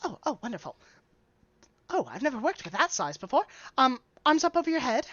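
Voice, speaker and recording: A woman voicing a fussy, flustered female dwarf tailor who talks in high, eager bursts. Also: very animated, brisk, fairly bright tone, breathy edge, dry recording, dull audio, full character voice. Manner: high, breathless, eager shopkeeper chatter.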